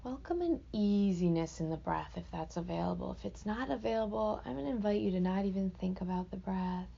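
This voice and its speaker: With a medium pitch, some vocal fry, and a slightly rough edge, a woman guides an off-the-cuff meditation in a gentle, unhurried, reflective manner, pausing between phrases. The audio is dull.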